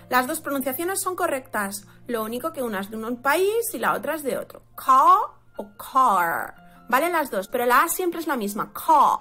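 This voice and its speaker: A woman from Spain teaching English pronunciation, drawing out each example word slowly. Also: high-pitched, a bit bright. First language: Spanish. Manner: slow, drawn-out model words. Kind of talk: pronunciation lesson.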